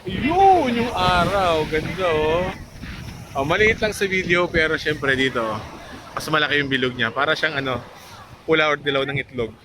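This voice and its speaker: A man's voice: fairly high pitch, normal speed. A man vlogging casually on a beach at sunset, chatting to the camera and cooing at a baby. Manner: chatty, coos and teases a baby in a lifted voice. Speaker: travel vlogger. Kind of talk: casual vlog narration. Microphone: handheld camera. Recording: outdoor noise from waves and wind. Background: sea and surf noise.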